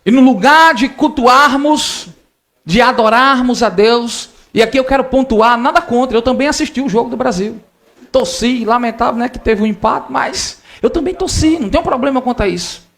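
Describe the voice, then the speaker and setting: A man preaching a sermon in church, emotional and direct, often calling listeners brother and rising loud on appeals. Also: extremely high pitch, normal speed. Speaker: pastor.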